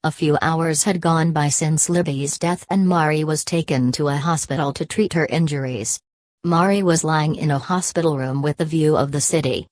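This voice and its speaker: A woman's voice: low-pitched, fairly even intonation, normal speed, a little mellow, no room sound. A woman narrating a scripted superhero story as an audiobook narrator.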